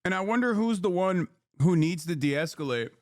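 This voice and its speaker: A man's voice: high voice, lively intonation, moderate pace, no room sound, clean studio sound. A man who grew up in Turkey, reacting to news clips on his live stream in a heated, sarcastic and profane way.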